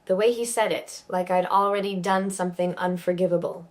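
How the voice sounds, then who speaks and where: A woman narrating a first-person story in a measured, subdued way. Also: fairly low pitch, steady tone.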